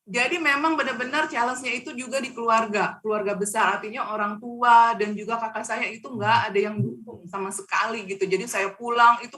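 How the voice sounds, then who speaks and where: A woman's voice: fairly high pitch, fairly even intonation, fairly quick, hardly any pauses, pushed and bright, distant mic. A woman who is a guest on a talk show, earnestly telling a personal story. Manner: earnest, laughs between phrases.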